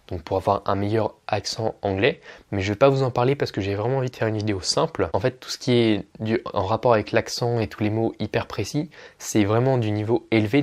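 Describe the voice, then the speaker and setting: A young man talks straight to the camera, giving tips to beginners in a loose, chatty way. His voice sits at an everyday mid pitch, and he often pauses with fillers and restarts his sentences. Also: darkish tone. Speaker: English teacher for beginners. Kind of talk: casual YouTube tutorial monologue.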